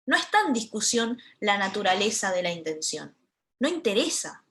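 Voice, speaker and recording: Young woman, twenties, Rioplatense accent, middle pitch; an earnest, emphatic lecture speaker with short phrases. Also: a bit bright. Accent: Rioplatense Spanish. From Buenos Aires, Argentina. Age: 20s. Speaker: panel speaker. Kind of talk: lecture talk.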